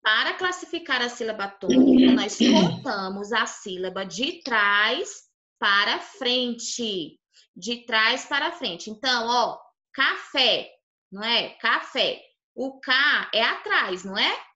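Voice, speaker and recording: A young woman teacher with a Brazilian Portuguese accent leads a lesson for small children. Her voice is bright and slightly high. She is patient and checks their understanding at every step. The recording has a roomy echo. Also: animated, slow, lo-fi sound. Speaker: primary school teacher. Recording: echoey room.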